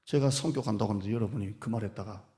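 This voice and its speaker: A man pastor preaching a sermon in a lively, playful way, acting out quoted speech and teasing the congregation. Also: lowish voice, fast. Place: church sanctuary. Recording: long hall reverb.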